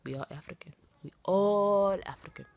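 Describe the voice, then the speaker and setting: A woman's voice: medium pitch, moderate pace, vocal fry, a little mellow, no room sound. A playful, dramatic woman from the United States in her thirties chatting casually in her vlog. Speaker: vlogger.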